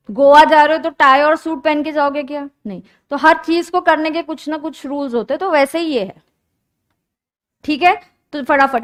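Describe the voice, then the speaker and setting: Lecturer, female, high-pitched, mixes Hindi and English, quizzes the class and answers herself. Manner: mixes Hindi and English, asks students questions and answers them. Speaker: teacher.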